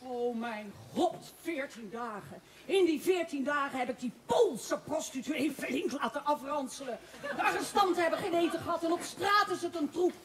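A woman's voice: high voice, normal speed, hardly any pauses, lightly acted. A woman acting a self-important woman mayor in a stage play, flustered and exclaiming. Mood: panicked.

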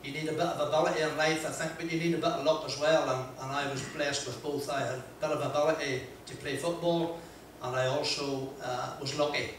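This older motivational speaker from Northern Ireland has a steady, higher-than-usual male voice as he shares anecdotes with an audience in a large wood-panelled function room. He's chatty and self-deprecating, often pausing with "uh" and laughing into his handheld mic. Recorded from a distance, the echoey hall adds reverb and a little hiss or hum.

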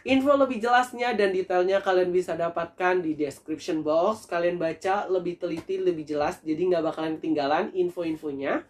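In a laid-back food review vlog, a young man talks to his audience from a table in a cramped room, lively and conversational. He speaks in a high voice, briskly, with hardly any pauses.

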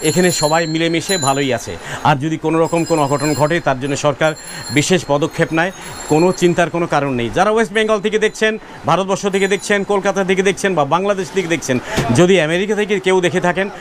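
A man hosting a walking street vlog in an outdoor city market, chatting with shopkeepers and speaking straight to his viewers in a lively way. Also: fairly high pitch, quick pace, noisy background. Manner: lively, keeps addressing the audience directly. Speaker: street vlogger host.

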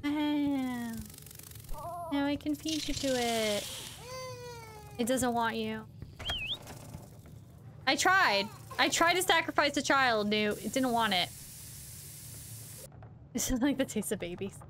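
A woman's voice: a little high, lively intonation, a little slow, pauses often, background noise. A woman streaming a game, talking sarcastically to the characters as she plays. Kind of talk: casual gameplay commentary. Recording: loud game music behind. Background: game music.

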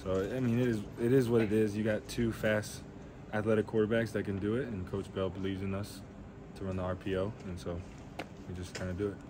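In a postgame press Q&A held in a weight room, a young man who plays college quarterback answers reporters holding handheld mics. He talks fairly quickly in a flat, fairly low voice, speaking plainly with plenty of fillers amid background noise.

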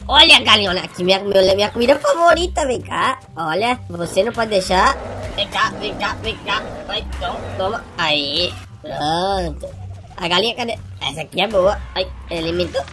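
A woman's voice: mid-range voice, expressive, normal speed. Lady playing creature mom in a game, chill and teasing, normal voice, some music behind. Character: mother creature, wife, mocking her husband. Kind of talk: let's-play role-play.

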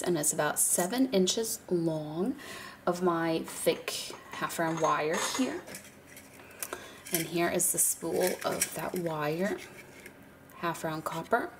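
A woman with a stuffy nose from a cold talks casually through a hands-on craft tutorial, with fillers and small laughs. Her voice is on the low side and slow. She's indoors at a craft table with birds outside, and there's background noise.

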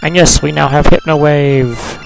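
Gravelly man casually commentating a game. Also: fairly high pitch, fairly even intonation, a little slow, low-quality recording. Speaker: let's player. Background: video game music.

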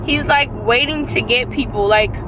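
A woman's voice: high-pitched, moderate pace. A woman vlogging her day in a casual, chatty, bubbly way, saying "like" a lot, filmed from her car and around town. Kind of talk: casual vlog chat to camera. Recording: handheld camera with loud car and street noise.

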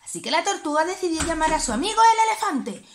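A preschool teacher, telling a story to small children in an animated, sing-song way. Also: female voice, extremely high pitch, fast, slight background noise.

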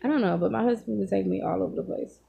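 Lady doing story time while eating, mouth full, croaky husky voice, casual phone vlog. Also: mid-range voice, phone-quality sound. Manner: talking with mouth full, pausing to chew. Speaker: vlogger. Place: small home room, indoors. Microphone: phone at arm's length.

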